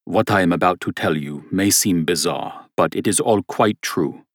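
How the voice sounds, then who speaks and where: A man's voice: low voice, normal speed, no room sound, studio quality. A man voicing a formal German man in his thirties. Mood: earnest. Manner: formal, apologetic, hesitant.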